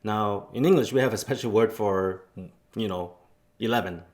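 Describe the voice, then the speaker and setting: A man's voice: on the low side, normal speed, a little mellow. A man teaching a casual spoken lesson, explaining step by step with loose fillers. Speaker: language teacher.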